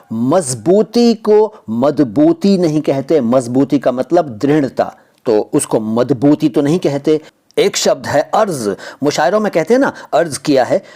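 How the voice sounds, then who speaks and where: A man's voice: a little high, dark tone. A man from India, a language teacher explaining how words are pronounced, arguing his point with repeated rhetorical questions. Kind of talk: explaining word pronunciation to camera.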